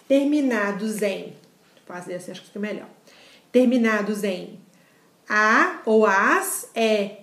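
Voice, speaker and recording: Woman teaching, kinda high voice, checks in with "tá?" a lot, roomy echo. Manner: explains step by step, checks with "tá?". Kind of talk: casual lecture.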